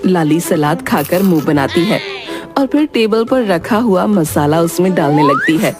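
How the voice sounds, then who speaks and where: A woman narrating a cartoon story in a calm, even storytelling manner. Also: on the low side, a little slow, over music.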